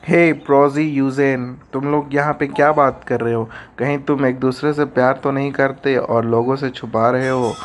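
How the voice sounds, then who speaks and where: A man voicing a meddling, grumpy old father-in-law in an animated story, threatening to tell on others. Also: medium pitch, normal speed, few pauses, slight background noise, natural voice. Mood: prying. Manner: threatening, tattling.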